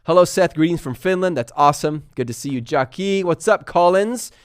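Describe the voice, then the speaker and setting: A man from Texas and California hosting a casual live stream, talking fast and energetically while reading viewer comments aloud. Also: fairly high pitch, smooth, no room sound, clean studio sound. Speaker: livestream host answering viewer questions.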